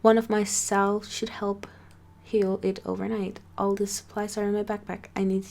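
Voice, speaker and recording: A woman's voice: medium pitch, little pitch movement, moderate pace, gravelly, a little mellow. A woman reading a first-person story aloud, often tripping over words and restarting them, and breaking in with casual asides. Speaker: story reader.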